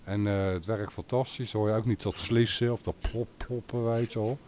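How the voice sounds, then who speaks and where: A man's voice: lowish voice, steady tone, moderate pace, a little mellow. A man hosting a radio call-in show, chatting casually about his equipment with fillers. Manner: chatty, talks gear at length with fillers. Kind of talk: casual on-air chat.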